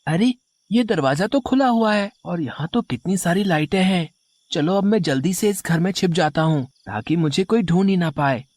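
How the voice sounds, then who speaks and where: A woman's voice: on the low side, lively intonation, moderate pace, a little mellow, no room sound. A woman voicing a scared little boy. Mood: curious. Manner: pleading, frightened outbursts. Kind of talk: storybook animation voice acting.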